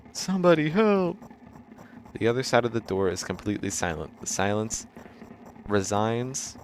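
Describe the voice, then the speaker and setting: Slow low-voiced man reading game text. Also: a little hiss or hum. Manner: halting reading with frequent restarts and self-corrections; breaks into loud dramatic shouts on the outbursts. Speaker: streamer reading a game's text aloud. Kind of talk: casual reading of game narration on stream.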